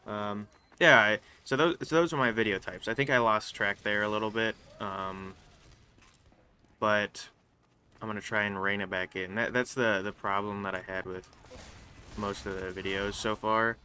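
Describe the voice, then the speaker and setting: A man's voice: fairly low pitch, steady tone, bright, forceful tone, clear, resonant tone. A young man giving loose, casual commentary while he plays a game, often restarting his sentences and trailing off. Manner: rambling, halting, with frequent restarts and fillers. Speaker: gaming channel host. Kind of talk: casual live gameplay commentary. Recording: faint background noise.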